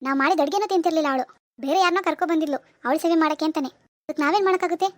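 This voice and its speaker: A woman's voice: very high-pitched, very fast, dry recording, studio quality. A woman voicing a grieving, defensive mother-in-law in a cartoon. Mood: indignant. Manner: wailing laments, then stern rebukes. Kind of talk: animated cartoon voice acting.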